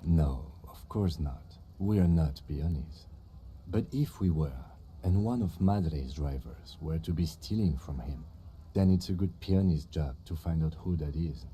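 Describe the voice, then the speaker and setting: An actor playing a calm, stern police lieutenant in a video game, speaking in a measured, dry way that carries menace. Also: male voice, a bass voice, a little hiss or hum. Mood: cold menace. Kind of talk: dramatic video game dialogue.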